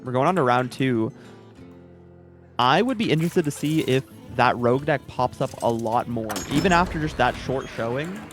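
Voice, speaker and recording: Measured man co-casting a card game. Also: medium pitch, lively intonation. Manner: measured, analytical. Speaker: co-caster. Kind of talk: live esports commentary. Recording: game music in the background.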